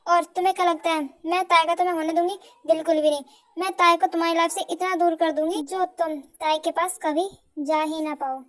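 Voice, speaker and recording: A woman's voice: extremely high pitch, fairly even intonation, a little fast, fairly bright tone. A woman voicing a spurned, scheming young girlfriend who speaks sharply and scornfully, in an amateur fan audio drama.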